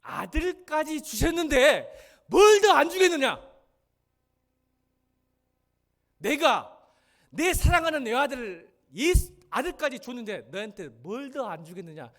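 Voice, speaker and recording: God the Father proclaims His gift in a loud, high, slow voice, each word stretched out with fervent warmth. A male preacher acts Him out in the middle of his sermon. The delivery is booming and deliberate. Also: very animated, long reverb tail, full character voice. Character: God the Father, a loving, generous male deity.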